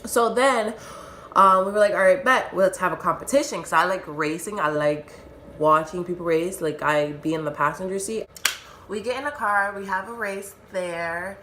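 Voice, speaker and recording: A young woman telling a storytime vlog in casual slang, swearing freely and loudly acting out the quotes. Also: on the low side, moderate pace. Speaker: vlogger. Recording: echoey room, faint background hum.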